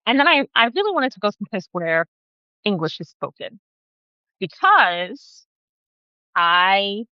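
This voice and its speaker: A woman born in Guyana, talking as an interview guest in a relaxed, conversational way and often adding "right?" to her points, over a video call. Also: medium pitch, unhurried, clear, resonant tone, no echo, lo-fi sound. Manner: conversational, frequent "right?" asides.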